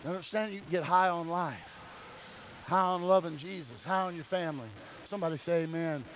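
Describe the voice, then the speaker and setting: Male pastor, high forceful voice, exhortative sermon delivery with repeated phrases, live church recording with background noise. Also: brisk, rough recording. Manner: exhortative, repeats key phrases, prompts congregation for amens; swings from quiet talk to loud emphatic cries. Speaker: pastor preaching to a congregation. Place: church sanctuary during a service.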